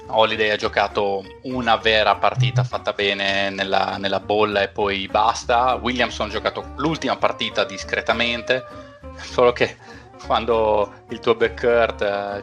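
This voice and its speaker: A man's voice: fairly low pitch, bright, forceful tone. A man co-hosting a basketball podcast, talking in a casual, hesitant way with many restarts. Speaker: podcast co-host.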